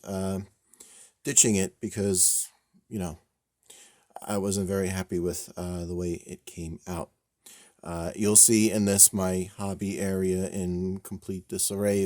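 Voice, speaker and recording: A man with a lowish, mellow voice talks through a model kit build in a relaxed, rambling way, full of fillers and small laughs. His delivery is a touch stiff, almost robotic. The sound is dry and close, with no room echo. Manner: rambling, self-deprecating, many fillers and chuckles. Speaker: scale model builder and channel host. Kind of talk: casual build video narration.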